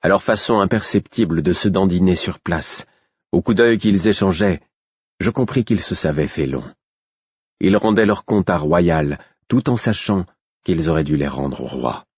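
Narrateur masculin de livre audio, voix très grave et feutrée, lecture sobre, prise sèche. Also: male voice, low voice, normal speed, breathy edge, dry recording, dull audio. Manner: steady, restrained first-person reading. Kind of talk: scripted narration of a fantasy novel.

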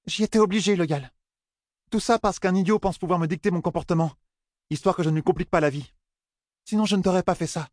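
A proud young woman who never gives ground, voiced by a man reading the story. The voice sits high and sharp-edged, pitiless in its demands. The sound is dry and close, like a storybook read into a mic. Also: quick pace, no echo, natural voice. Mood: insistent. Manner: stubborn, cutting, defiant.

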